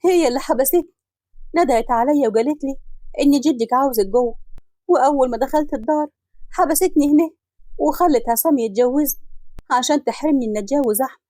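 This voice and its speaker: A woman's voice: high voice, quick pace, long pauses, warm tone, dry recording, voice pushed up, close to an everyday voice. A woman voicing a distraught young bride, pleading and tearful.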